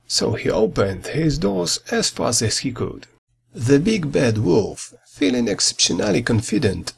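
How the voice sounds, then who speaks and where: A man with a husky, gravelly voice reads a children's fairy tale as a storyteller. His delivery is dramatic and expressive, at a medium pitch.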